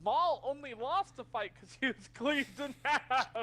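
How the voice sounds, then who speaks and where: A man co-hosting a podcast in a casual chat, excitable and restarting his sentences as he goes. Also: very high voice, a crowd in the background. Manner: quick, excitable, stumbling restarts. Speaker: podcast co-host.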